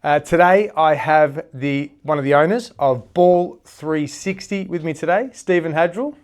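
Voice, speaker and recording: A man's voice: a little high, unhurried. A man, hosting a podcast in a chatty, laid-back way. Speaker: podcast host. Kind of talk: casual interview chat.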